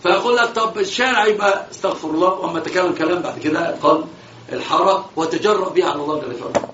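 A man with an Egyptian accent gives a religious lesson, mixing colloquial and classical Arabic, animated and repeating phrases for emphasis. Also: sits high, very fast, echoey room, dull audio, slight background noise. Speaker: Islamic preacher.

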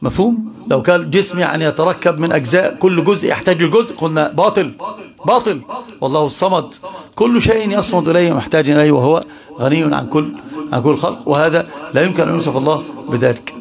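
A man's voice: fairly high pitch, fast, gravelly. A man with an Egyptian Arabic accent, a sheikh teaching a religious study lesson and quizzing his listeners with rhetorical questions. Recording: live class with audience noise.

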